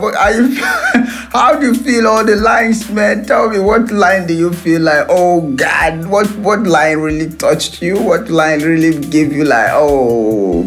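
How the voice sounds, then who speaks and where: Male movie reviewer, casual video, excitable and laughing, higher voice. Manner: excitable, laughs often, mixes in pidgin.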